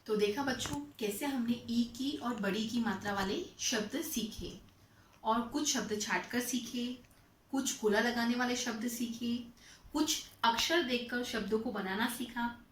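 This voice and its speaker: In a slow, clearly enunciated Hindi lesson for young primary school kids, a woman with a slightly high voice takes her time, with some light background noise. She stretches each word and asks the children simple questions throughout.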